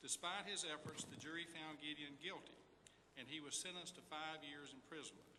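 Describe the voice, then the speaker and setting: Reading prepared narration at a public readers theater event, this man speaks in a slightly high voice at a fairly quick clip. The large hall gives the recording a noticeable echo, with background noise plainly present.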